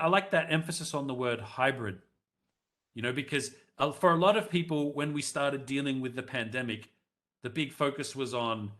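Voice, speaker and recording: A man's voice: mid-range voice, a bit bright. Man presenting a live webinar on headset. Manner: conversational, addresses the audience directly and runs live polls.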